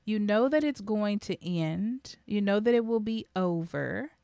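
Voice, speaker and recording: A woman's voice: mid-range voice, animated, unhurried, vocal fry, dark tone, dry recording. A woman reading tarot cards for her viewers, talking straight to them in a reflective way with frequent ums. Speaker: tarot reader. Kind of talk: casual tarot reading to camera.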